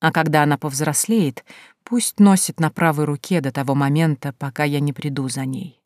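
A woman voicing a cold, menacing otherworldly man in an audiobook, speaking slowly and sinking to a hushed, drawn-out tone. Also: deep voice, fairly even intonation, no echo, studio quality, lightly acted. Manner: slow, drawn-out, dropping to a hush.

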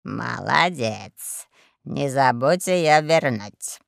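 A woman voicing a lazy, fat, menacing male crime boss in a storybook, drawling slowly and low. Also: expressive, creaky, no echo, clean studio sound, full character voice.

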